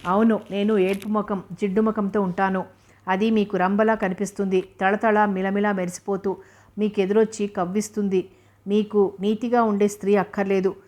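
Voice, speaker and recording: Woman reader doing a wounded young wife in an audiobook, flat and bitter. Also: mid-range voice, moderate pace, lightly acted. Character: young wife, hurt and accusing.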